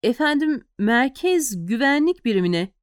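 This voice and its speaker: A woman's voice: a little high, sing-song, a little slow, clear, resonant tone, no echo, clean studio sound. A woman reading an audiobook, voicing a nervous young male police officer who explains himself anxiously and deferentially to his superior.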